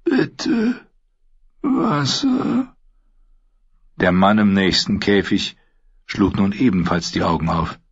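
A man narrating an audiobook in a steady, measured reading. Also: low voice, slightly rough, no room sound. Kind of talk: scripted narration. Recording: dull lo-fi sound.

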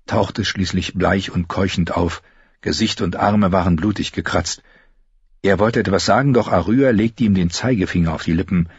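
Man, low husky voice, lively storytelling, dull dry recording. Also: dry recording. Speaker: audiobook narrator. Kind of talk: scripted narration.

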